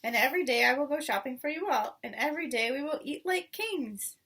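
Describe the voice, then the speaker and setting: A woman's voice: high voice, animated, fairly quick, pushed and bright, far from the mic, full character voice. A woman voicing a proud male fox leader giving an emphatic speech in a children's storybook. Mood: grand, generous.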